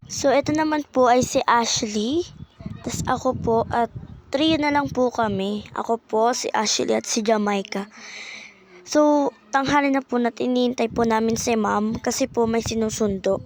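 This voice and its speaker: Young girl, casual vlog narration, polite and chatty, fairly high voice, faint background noise. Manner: polite, uses po often, chatty. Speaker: child vlogger.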